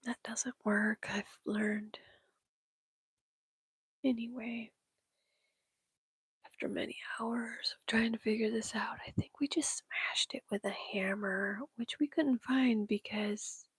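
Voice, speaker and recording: A woman's voice: medium pitch, fairly even intonation, takes it slowly, long pauses, husky, no echo. A woman whispering through a casual Q&A chat, rambling and giggling at herself. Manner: rambling, giggly, self-mocking. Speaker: channel host answering viewer questions.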